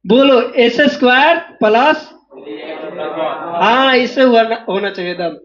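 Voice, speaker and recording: Man, maths teacher, very high voice, keeps prodding the class to answer, dull lo-fi classroom recording. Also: expressive, slow, crowd noise. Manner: drills students, asking them again and again to answer aloud. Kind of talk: classroom lecture.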